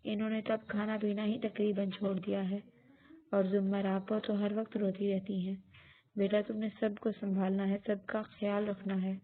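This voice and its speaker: A woman voicing a loving, devout middle-aged aunt who consoles her niece softly. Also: mid-range voice, completely flat delivery, lightly acted. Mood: consoling. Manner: soft, consoling. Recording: tinny phone-like audio.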